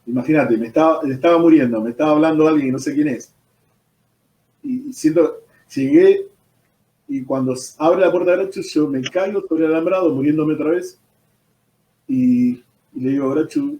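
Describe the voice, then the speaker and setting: A man's voice: mid-range voice, mellow. Argentine pastor telling his story, roomy sound. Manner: storytelling, fillers like "¿viste?". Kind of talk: personal testimony in an interview. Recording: roomy echo, distant from the mic.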